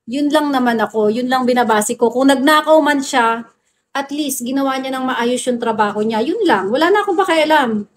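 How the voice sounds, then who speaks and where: Feisty high-voiced woman livestreamer. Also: moderate pace. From Philippines. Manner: blunt and feisty, scolds commenters, laughs often. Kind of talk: casual livestream chat reading viewer comments. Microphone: phone livestream mic.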